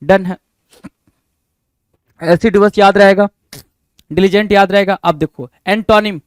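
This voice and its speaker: Guy teaching vocab, keeps asking "what does it mean?", high clear voice. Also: steady tone, takes it slowly, no echo. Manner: rhetorical questions to students, repeats words. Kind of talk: exam-prep vocabulary lesson.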